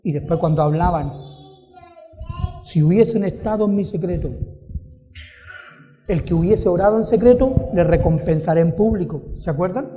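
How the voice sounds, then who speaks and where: High-voiced preacher in an echoey hall. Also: male voice, normal speed, pauses often, warm tone, slight background noise. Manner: emphatic preaching with rhetorical questions to the congregation. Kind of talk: sermon. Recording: echoey hall with background music.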